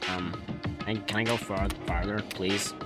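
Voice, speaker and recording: A man's voice: on the low side, steady tone, measured pace. A man hosting a livestream, joking and reacting as he plays a game and reads its text aloud. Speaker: livestream host. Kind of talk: casual gaming commentary. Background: game music.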